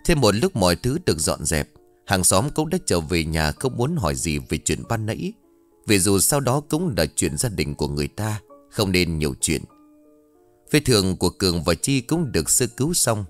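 A man narrating an audio story in an expressive scripted reading. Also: deep voice, normal speed, soft background music.

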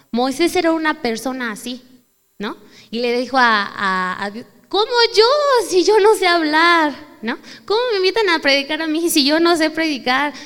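High-voiced Mexican woman preaching. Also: smooth. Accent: Mexican Spanish. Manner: animated, acts out prayers in a raised voice. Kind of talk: sermon. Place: church hall. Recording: hall reverb.

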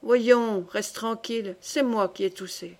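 Casting: woman reading a worn-out, teasing man for an audiobook, low and resigned. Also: takes it slowly. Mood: weary. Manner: tired, resigned, lowered voice. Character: weary, mocking man in bed.

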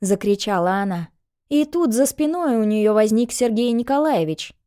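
A woman narrating an audiobook in a calm, even storytelling voice. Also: fairly high pitch, normal speed.

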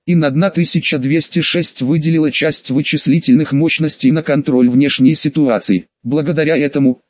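Male audiobook narrator, steady even read, slightly dull lo-fi sound. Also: fairly high pitch, dry recording. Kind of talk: scripted narration.

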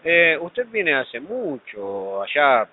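A man interviews two poets with playful, rambling questions. His voice sits fairly high. The sound is tinny and phone-like, with hiss behind him. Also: sing-song, drawn-out words. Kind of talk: casual interview.

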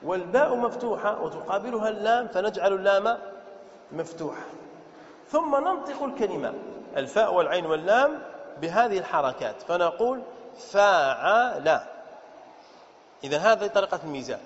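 A man teaching a classroom lesson step by step, repeating points, quizzing his listeners and slowing down to spell out pattern words. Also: high-pitched, big pitch swings. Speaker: sheikh teaching Arabic morphology. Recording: dull, echoey hall with faint noise.

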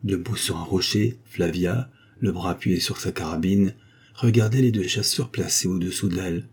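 A man reads a classic novel in a steady, measured audiobook narration. His voice sits low and dark, with a husky grain. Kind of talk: scripted narration.

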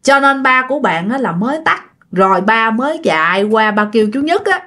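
A woman with a Southern Vietnamese accent tells a casual ghost story, her high, sing-song voice a little fast, pushed and bright. She's chatty and speaks straight to her listeners.

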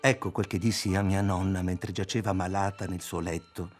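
A man reading a novel aloud as the narrator, in a measured, even delivery. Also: deep voice, music in the background. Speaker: audiobook reader. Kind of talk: scripted literary narration.

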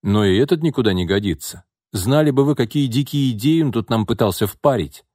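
A man's voice: mid-range voice, lively intonation, brisk, warm tone, dry recording, studio quality, voice pushed up, natural voice. A man reading an audiobook voices a blunt, scornful male construction foreman who hollers back in a quarrel. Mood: calmer explaining.

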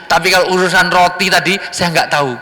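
Guy doing a sneaky young fibber, squeaky high and bright, echoey hall. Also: fast. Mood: evasive. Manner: high excited exclamations, shifty denials. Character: young male liar, boastful and evasive.

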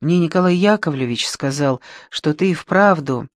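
A man's voice: on the high side, lively intonation, normal speed, dry recording, lightly acted. Kirsanov, a troubled, remorseful young man, read by a man.

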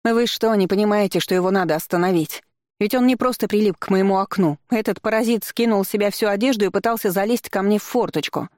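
A reader voicing a loud, stout middle-aged woman who shrieks her complaints indignantly at an investigator. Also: medium pitch, brisk, dry recording, studio quality, pitched above the performer's own voice, natural voice. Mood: shrill indignation.

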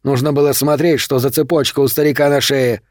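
A man reading an audiobook, voicing a brutal male vampire thug with slow, loud, jeering threats. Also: medium pitch, steady tone, no echo, clean studio sound, natural voice. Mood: menacing.

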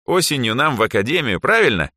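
A bubbly teenage drow girl, put on by a man reading a storybook, bouncing high and lively through every line. She teases and pushes in a bright, eager voice. The sound is dry and close. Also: fast, no room sound. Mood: cheerful, teasing.

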